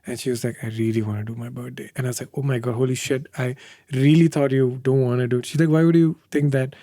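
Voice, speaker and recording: This interview guest, a man in his thirties with an Indian English accent, shares candid conversational stories, mimicking the people he quotes and laughing frequently. His mid-range voice is dark and steady and his delivery quick, captured in a dry, clean studio recording.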